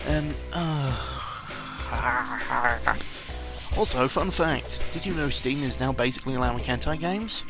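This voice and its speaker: A man with a medium-pitched voice talks slowly over music in a casual, rambling audio log. The gaming vlogger hesitates, meanders, and grumbles out blunt opinions with some mild swearing.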